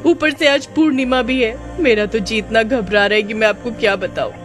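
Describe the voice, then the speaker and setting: A woman's voice: fairly high pitch, normal speed, natural voice. A woman voicing a distraught young wife who cries and pleads as she searches for her missing husband. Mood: tearful, anxious. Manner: pleading, anxious. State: crying. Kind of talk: audio drama narration. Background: background music.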